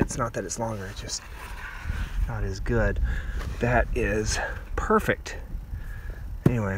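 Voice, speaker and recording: Out on open sand and dunes, this survival vlogger, a Texan-accented man in his forties, talks casually through survival skills as he works on the beach. He lays out his steps plainly while handling things, in a lowish voice over a noisy background.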